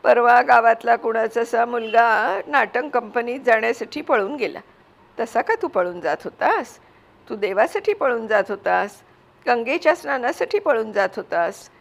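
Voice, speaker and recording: A woman reading aloud and voicing a gentle, devoted village mother who consoles her son earnestly. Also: a little high, expressive, moderate pace, creaky, pitched above the performer's own voice. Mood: tender.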